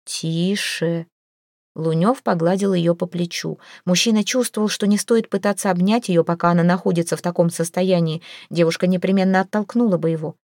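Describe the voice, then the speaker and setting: Female audiobook narrator with a low, mellow voice, reading steadily in a dry studio. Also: fairly even intonation, fairly quick, hardly any pauses, no echo. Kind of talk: scripted narration.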